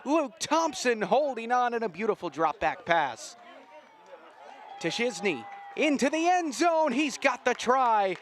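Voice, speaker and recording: Outdoors at a sports field, a male commentator calls live rugby play-by-play in an enthusiastic, folksy, slangy style. His voice is extremely high and fairly bright with big pitch swings at a measured pace, over some background chatter and a little hiss or hum.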